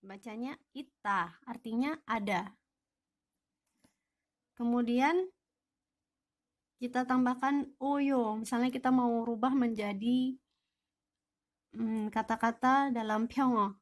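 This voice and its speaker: A woman's voice: fairly high pitch, slow pace, long pauses. A young woman teaching an online language lesson, patiently explaining rules and answering her own questions.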